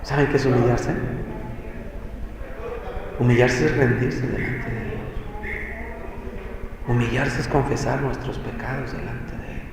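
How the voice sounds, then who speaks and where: A man preaching a sermon, exhorting with rhetorical questions and dramatic pauses. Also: medium pitch, gravelly, a crowd in the background. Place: church. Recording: echoey church hall, faint noise.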